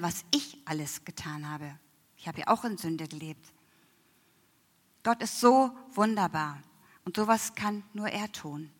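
A woman giving a personal faith testimony, emotional, often slowing down and dropping to near whispers. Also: medium pitch, pushed and bright. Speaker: church member giving testimony. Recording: long hall reverb.

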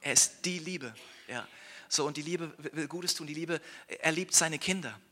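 A man's voice: a little high, moderate pace, bright, forceful tone. A man preaching a sermon as a pastor, earnest and conversational, often checking in with his listeners and repeating words as he restarts. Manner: earnest, tag questions like "ja?". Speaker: pastor and church planter.

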